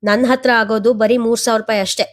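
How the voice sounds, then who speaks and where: A woman's voice: on the high side, steady tone, fast, close to an everyday voice. A woman doing a blunt, skeptical son. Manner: blunt, questioning. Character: blunt skeptical young man, her son.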